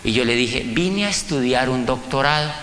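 In an echoey hall with faint background noise, a middle-aged Colombian man gives a motivational talk before a live audience. His medium-pitched voice is animated and a bit bright, moving at a moderate pace. As a business coach and motivational speaker, he speaks emphatically, recounts personal stories, asks rhetorical questions and acts out dialogues.

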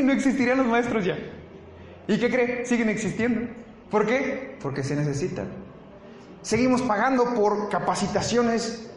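A pastor preaching to his congregation in a fairly high voice. He keeps it conversational, asking the room questions and tossing in joking asides. The sound is roomy, with faint background noise from the church. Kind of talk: sermon.

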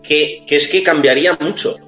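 A man from makes his points emphatically and repeats them. His voice is a little high, picked up in a roomy space on a dull-sounding mic. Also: moderate pace, pushed and bright, soft background music. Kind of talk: casual chat.

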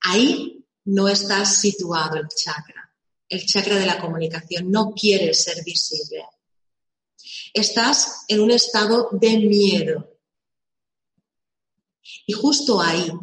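Speaking slowly in a lowish, fairly bright voice, a woman delivers a motivational live talk on visibility. She poses rhetorical questions and repeats words to drive points home, and the room adds noticeable echo.

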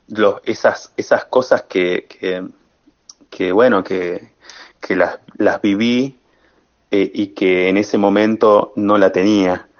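Interview guest: man, low voice, very slow and halting, muffled lo-fi sound. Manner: slow, hesitant, many fillers. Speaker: guest musician. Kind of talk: interview answers. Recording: muffled lo-fi audio.

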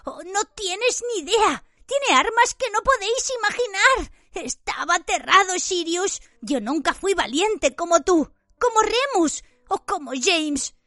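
A woman's voice: very high-pitched, expressive, measured pace, few pauses, bright, forceful tone, no echo, clean studio sound, pitched above the performer's own voice, full character voice. A woman voicing a terrified, cowering middle-aged man who begs in a whimpering, breathless voice. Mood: pleading.

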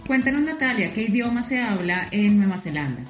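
A Colombian woman conducts a casual, upbeat interview over a call, sprinkling in fillers like "pues" and "súper." Her medium-pitched voice is expressive and brisk, heard in an echoey room with soft background music.

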